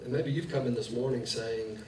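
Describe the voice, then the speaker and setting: In a church sanctuary, a man in his thirties preaches in the round, delivering a conversational sermon packed with family stories from his own life. His mid-range voice is mellow and a little fast. The distant mic picks up faint noise and the echo of the hall.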